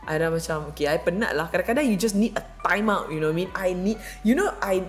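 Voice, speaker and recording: A married woman vlogging, telling a casual story with lively acted-out quotes and English words mixed in. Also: fairly quick, soft background music. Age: adult, married. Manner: animated, acts out quotes with big pitch jumps, mixes English in.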